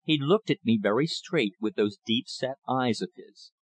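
A man reading an audiobook in measured, earnest first-person narration. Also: mid-range voice, animated, slightly rough, dry recording. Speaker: audiobook reader.

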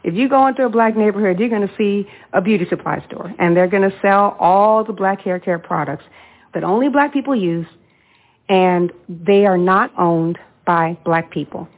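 A woman's voice: mid-range voice, moderate pace. A woman speaking earnestly and persuasively as a guest, calling listeners to take up a challenge. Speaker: guest, business challenge founder. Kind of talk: speech clip on radio show. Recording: phone-like sound with faint music.

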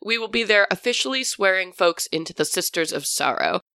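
A woman's voice: mid-range voice, animated, a little fast, bright, forceful tone, clear, resonant tone, no room sound. A woman hosting a tabletop gaming podcast with informal, chatty announcements as game master.

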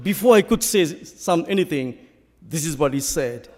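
A man with a Sri Lankan accent preaching a sermon with stories and scripture, speaking emphatically and deliberately. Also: fairly high pitch, lively intonation, a little mellow. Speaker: visiting preacher. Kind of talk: sermon with storytelling and scripture reading. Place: large church hall, preaching to a congregation. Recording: hall reverb from a church PA.

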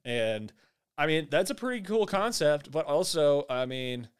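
A man co-hosting a casual chat, talking in a rambling, laid-back way and often trailing off into quiet asides. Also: fairly high pitch, lively intonation, unhurried, smooth, no echo, studio quality.

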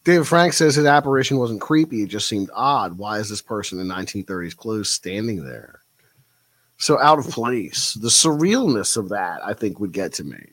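A man's voice: lowish voice, a bit bright, no echo. A man hosting a live stream, reading out viewer comments and musing on them in a thoughtful, casual way. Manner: thoughtful, reflective, with frequent fillers. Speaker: livestream host.

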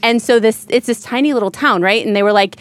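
A woman's voice: on the high side, quick pace, no echo. A chatty woman guest spins a rambling anecdote, loose and full of casual swearing. The sound is dry and close, with no room around her. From Ohio, USA. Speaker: podcast guest. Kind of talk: casual storytelling.

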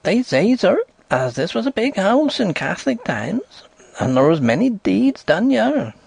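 A man putting on an elderly country servant woman, placid yet full of dread, speaking in rustic grammar. The voice swoops widely and has a breathy, husky grain. The audiobook sound is dry and close. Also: high-pitched, sing-song, measured pace, a little mellow, dry recording, voice pushed up, exaggerated voice. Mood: ominous. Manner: rustic dialect grammar, solemn warnings. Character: old rural woman servant, placid, superstitious. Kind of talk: audiobook character voice.

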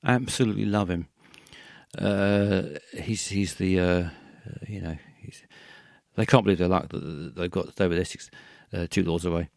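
A man hosting a call-in radio show, rambling in a halting way with many fillers and restarts. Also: sits low, vocal fry, dry recording, studio quality.

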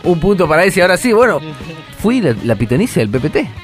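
A man's voice: high-pitched, fast talker, faint music behind. A man with an Argentine accent hosting and joking through a casual group game with friends. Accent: Argentine Spanish. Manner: playful, joking, lively.

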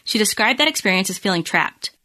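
A woman hosting a podcast, reading scripted true crime narration in measured, storytelling phrases. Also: medium pitch, expressive, sharp tone. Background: music bed.

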